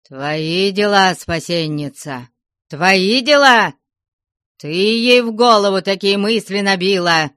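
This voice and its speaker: A woman voicing a stern, angry old merchant father who shouts threats at his family in an audiobook. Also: low voice, slow pace, no echo, clean studio sound, exaggerated voice. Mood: furious.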